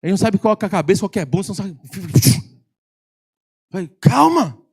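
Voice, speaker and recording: Brazilian pastor guy preaching, pretty high voice, animated and jokey, gets loud a lot. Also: fairly quick, slightly rough. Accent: Brazilian Portuguese. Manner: animated, teasing, often loud and raised. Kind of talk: sermon with storytelling. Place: church service.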